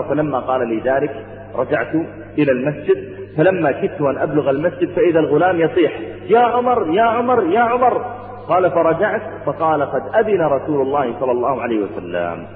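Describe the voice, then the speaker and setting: A man preaching, telling a story dramatically and acting out each person in it. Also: mid-range voice. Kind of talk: sermon storytelling. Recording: tinny phone-like sound with roomy hall echo and faint hum.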